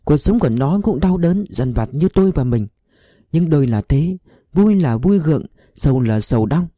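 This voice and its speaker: Man doing a calm departed wife, soothing, solemn, higher, dark mellow tone, dry sound. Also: normal speed, no echo. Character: gentle dead wife, woman, calm, fatalistic.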